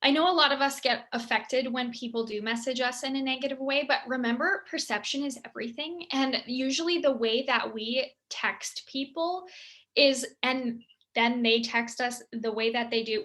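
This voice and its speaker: A woman's voice: sits high, moderate pace, a bit bright. A young woman, bubbly and chatty, laughing often as she gives a motivational team talk. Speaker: team leader.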